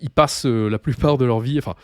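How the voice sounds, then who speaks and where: A man gives an informal language lesson in a voice of ordinary pitch. He explains patiently, often pausing, restarting and repeating key points. The recording is dry and close, with no room sound. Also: clean tone, dry recording. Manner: informal and repetitive, with many hesitations. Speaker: language teacher.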